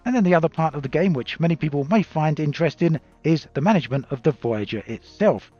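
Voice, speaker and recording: A man reviewing a video game in a measured, explanatory way, recorded on a cheap stand-in microphone with low audio quality. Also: animated, a little mellow, soft background music. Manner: measured, explanatory, occasional fillers. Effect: low-quality audio from a cheap stand-in mic. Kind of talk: scripted game review commentary. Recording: dull lo-fi cheap mic recording.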